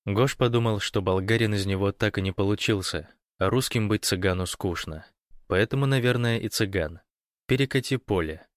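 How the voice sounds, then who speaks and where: A man narrating an audiobook in an even, measured way. His voice sits low. The sound is dry and close, with no room echo. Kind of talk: scripted narration.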